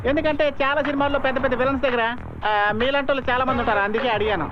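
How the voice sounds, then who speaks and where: An actor dubbing a chatty, cheeky comic sidekick who rambles and teases. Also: male voice, very high-pitched, rapid-fire, background noise. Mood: teasing. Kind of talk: dubbed comedy film dialogue. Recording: muffled film audio with music.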